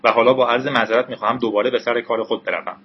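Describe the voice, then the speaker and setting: A man reading as a calm, knowing programmer. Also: medium pitch, breathy edge, lo-fi sound, close to an everyday voice. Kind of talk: audiobook character reading.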